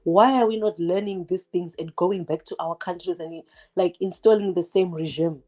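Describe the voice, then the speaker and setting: A Zimbabwean YouTuber in her twenties, whose first language isn't English, livestreams from her home kitchen while cooking, with fireworks going off outside. Her voice is on the low side, a bit mellow, steady in tone and at normal speed. She talks straight to viewers, chatty and full of "like," tossing out rhetorical questions as she multitasks.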